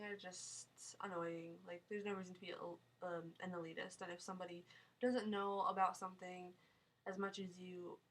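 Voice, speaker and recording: Heard through a low-quality recording, a young woman with a slightly bright, low-ish voice answers viewer questions on a live stream. A sinus cold makes her sound nasal, and she rambles and laughs often while chatting casually from home in a small town.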